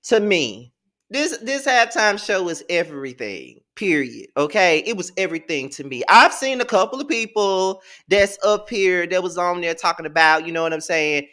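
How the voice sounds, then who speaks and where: A man, hosting a live-stream review in a sassy, playful and animated way. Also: high-pitched, normal speed. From Mississippi, US. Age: 30s. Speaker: livestream host.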